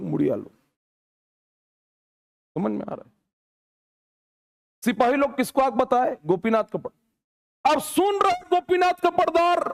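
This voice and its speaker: A man with a Chhattisgarhi Hindi accent lecturing on history as a teacher. He asks his class questions and answers them himself, dropping low on each answer. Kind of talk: lecture with call-and-response questions.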